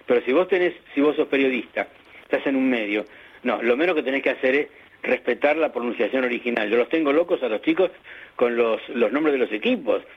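A man's voice: medium pitch, animated, a little fast, breathy edge, highs cut off. A man with an Argentine accent, a journalism teacher and author, explaining his views in an interview with emphatic, hesitant speech. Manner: didactic, emphatic, with hesitant restarts. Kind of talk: interview over the radio.

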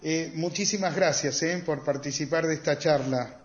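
A man with an Argentine accent conducting a conversational interview in a hesitant way, with many pauses and fillers. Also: on the high side, lo-fi sound. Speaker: radio interviewer.

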